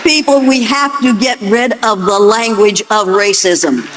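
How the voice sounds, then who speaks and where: An older American woman lectures an audience bluntly and emphatically, her medium-pitched voice moving at a measured pace over heavy background noise. An educator and public speaker, she issues orders like a seasoned teacher who expects compliance.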